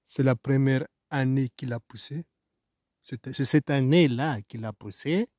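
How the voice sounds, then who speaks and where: A man's voice: medium pitch, unhurried, darkish tone, no room sound, clean studio sound. A man with a Mahoran French accent, a farmer talking casually outdoors about his crops, hesitant and rambling with many restarts. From Mayotte. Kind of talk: casual farm vlog.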